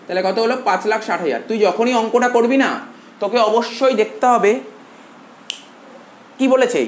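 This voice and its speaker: Male tutor dictating notes in a roomy classroom. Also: very high voice. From India. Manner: dictates slowly and repeats phrases, quizzing students. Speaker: commerce tutor. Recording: roomy classroom echo, faint hum.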